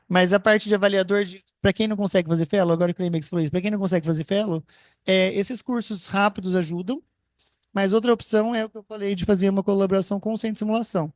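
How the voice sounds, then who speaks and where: Male physician-educator, higher voice, rapid talker, panel talk. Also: fairly even intonation, no echo, clean studio sound. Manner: fast, thinks aloud with restarts and quoted examples. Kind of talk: case discussion panel talk.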